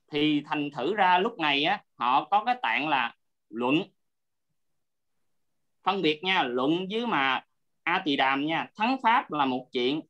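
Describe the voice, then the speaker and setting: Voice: medium pitch, fairly bright tone. A teacher explaining a Buddhist text in an online class, patiently checking that the student is keeping up. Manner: patient, checks often that the listener is following. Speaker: Abhidhamma teacher. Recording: dull lo-fi audio.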